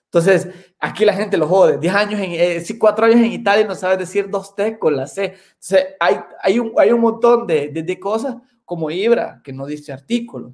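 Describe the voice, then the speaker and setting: A man co-hosting a podcast in casual chat, excitable and often repeating words as he searches for them. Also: high voice, normal speed, few pauses. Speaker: podcast co-host.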